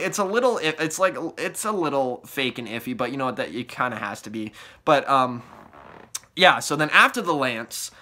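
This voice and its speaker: Recapping his trip with excitement, this young man speaks in a mid-range voice that's slightly hoarse from shouting. His casual vlog is rambling, packed with fillers and false starts.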